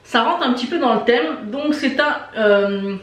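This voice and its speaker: A woman's voice: on the high side, expressive, normal speed, distant mic, a little hiss or hum. A woman vlogger doing a casual beauty box unboxing, chatty and enthusiastic, with many fillers. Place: indoor room with shelves of lipsticks behind. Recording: echoey room.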